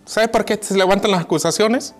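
A man from Mexico, preaching a sermon. He keeps calling his listeners brother, asks them questions and swings between loud and hushed. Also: high-pitched, a little fast, soft background music.

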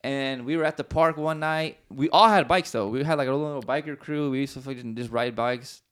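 Fast-talking slangy man telling a story. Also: medium pitch, fairly bright tone, clear, resonant tone. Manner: rambling, slangy, swears often, many restarts. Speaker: podcast co-host. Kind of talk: casual storytelling.

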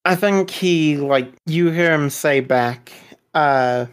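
A woman's voice: low-pitched, slow, smooth. A woman casually running a tabletop game as game master, improvising and checking in with her players.

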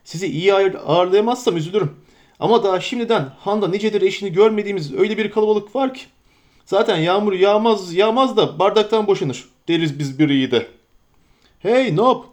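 A man's voice: high-pitched, a little mellow, voice pushed up, close to an everyday voice. Barliman Butterbur, a man voicing a flustered, forgetful innkeeper. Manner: hurried, flustered chatter. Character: bustling stout middle-aged male innkeeper, forgetful.

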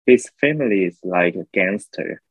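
A man from Taiwan, a podcast guest, telling a story in hesitant English, often pausing for words and laughing. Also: low-pitched, expressive, slightly rough, dry recording, low-quality recording. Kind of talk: casual podcast chat.

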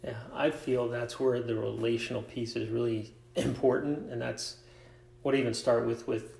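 Recorded in an echoey room, a male coach, author and podcast host reflects aloud while posing long, meandering questions in a relaxed interview on coaching. He speaks at a moderate pace with a steady, medium-pitched, slightly mellow and creaky voice.

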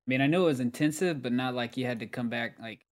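A man's voice: mid-range voice, quick pace. A man chatting with friends over a game, talkative and easily amused, trailing into restarts. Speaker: gamer and video maker. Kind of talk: casual gaming voice chat.

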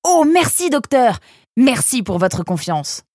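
This studio-quality storybook reading has a woman performing an excitable young male creature, eager and stammering through plenty of "euh" hesitations. Her voice is lowish and lightly acted, at a moderate pace, with no room sound.

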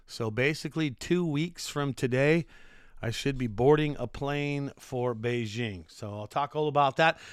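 A man's voice: medium pitch, unhurried, smooth, no room sound, clean studio sound. A middle-aged American man hosting his own podcast, chatting in an upbeat, rambling way with lots of fillers. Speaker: podcast host and sports announcer. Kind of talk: casual solo podcast talk.

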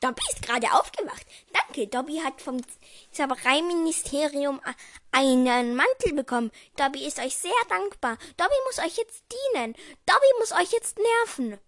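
A woman's voice: high-pitched, expressive, moderate pace, fairly bright tone. A woman voicing a small, fawning male house-elf who is eager to serve and speaks of himself by name.

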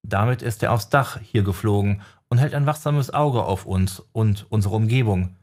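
A wry young male elementalist mage, chatty and joking as he lays out his plans. His voice sits low and a little husky, close to the narrator's own. The delivery has a storybook feel. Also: moderate pace, a little mellow, close to an everyday voice. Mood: explaining. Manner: joking and explanatory. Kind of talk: audiobook character voice.

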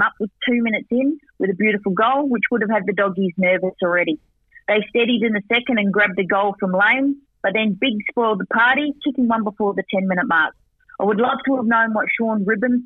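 A man giving a chatty football match recap and tips as a radio guest, rattling off stats with quick asides. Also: high voice, no room sound. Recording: tinny dry phone line.

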